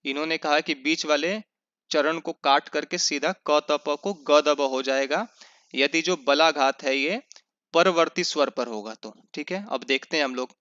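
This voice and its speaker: Man, teacher, online revision lecture, fairly high bright voice, dull lo-fi sound. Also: smooth, no room sound. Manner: explains step by step, asking and answering his own questions; slows down to spell out sounds and example words.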